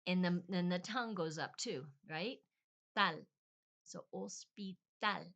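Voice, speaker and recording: Woman giving a chatty spanish sounds lesson, lowish voice, thinks out loud, repeats sounds slowly, poor home recording. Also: muffled recording. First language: English. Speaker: language teacher. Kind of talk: casual spoken lesson.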